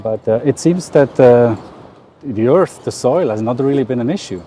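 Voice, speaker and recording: A man with a mellow, warm voice asks questions hesitantly and often restarts his sentences. He sounds slightly out of breath from walking outdoors, with a faint hum of traffic behind him. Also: mid-range voice, animated, normal speed. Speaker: interviewer from a tourism organization. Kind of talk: conversational interview while walking.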